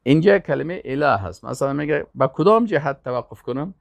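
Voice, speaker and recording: An older man with an Afghan Dari accent teaches an Arabic lesson. He patiently repeats each word slowly so his students can copy the sounds. His voice is gravelly and rises and falls a lot, and the room around him is dry and close. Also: on the high side, lively intonation, dry recording. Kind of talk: language lesson.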